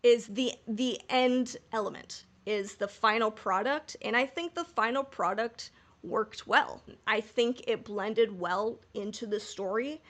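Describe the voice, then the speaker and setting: Slightly high and a touch slow, this woman's voice has a bit of brightness. She's co-hosting a laid-back fan discussion podcast, being frank and emphatic and swearing casually now and then.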